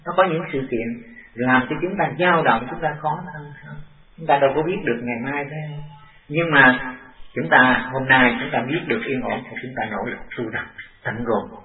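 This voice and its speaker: Older male monk, halting dharma talk; distant, tinny, echoey tape. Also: medium pitch. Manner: halting and deliberate, repeating phrases. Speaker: monk teacher.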